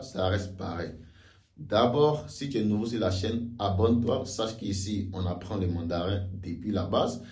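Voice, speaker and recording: A man gives a relaxed video lesson at an unhurried pace, repeating each example and checking in with his viewers. His somewhat low voice sits back from the mic in a roomy, echoing space. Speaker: Mandarin teacher. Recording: roomy echo, voice a bit far from mic.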